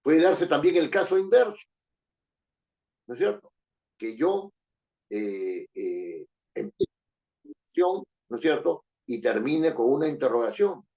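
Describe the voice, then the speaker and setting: A man's voice: on the high side, big pitch swings, unhurried, long pauses, mellow. A man with a Peruvian Spanish accent lecturing a class, often tagging his sentences with rhetorical questions and repeating phrases. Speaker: teacher.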